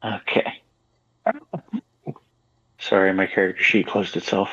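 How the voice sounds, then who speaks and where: A man's voice: sits low, little pitch movement, measured pace, bright, forceful tone, husky, dull audio. A man playing a tabletop game, playful and bluffing in character. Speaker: player.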